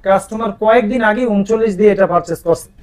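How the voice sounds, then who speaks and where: Slick bangladeshi salesman guy, really high voice, talks fast, pushes deals and repeats prices. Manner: slick, persuasive salesman patter; repeats prices and model names emphatically. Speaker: used phone shop salesman. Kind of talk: sales pitch for a shop video.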